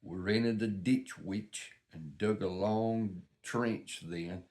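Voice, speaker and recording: Older male, Southern US accent, lowish pitch, casual folksy storyteller, unpolished and rambling. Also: takes it slowly, darkish tone. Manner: folksy, plain-spoken reminiscing. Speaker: vlogger.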